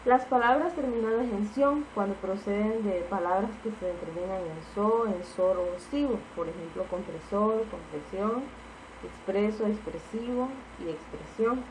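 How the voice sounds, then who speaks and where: A woman's voice: mid-range voice, measured pace, noisy background. A woman teacher giving a spelling lesson, explaining each rule patiently and repeating the key points.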